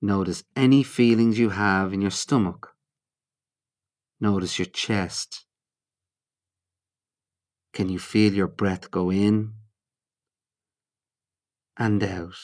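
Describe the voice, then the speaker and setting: Calm and instructional, a man on the low side of the pitch range narrates a guided mindfulness meditation, pausing between short, measured phrases.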